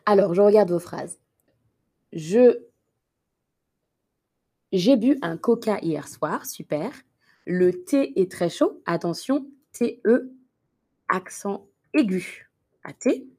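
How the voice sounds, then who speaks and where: A woman's voice: mid-range voice, lively intonation, dark tone. A woman teaching a live online French lesson, patiently reading dictation sentences and correcting students' answers. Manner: slow, patient, encouraging; repeats practice sentences slowly and clearly.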